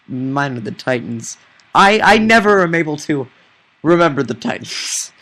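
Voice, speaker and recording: A man's voice: fairly high pitch, moderate pace. A young man hosting a casual sports podcast, running through team predictions with puns and teasing. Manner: punning, lively, teasing. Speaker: podcast host.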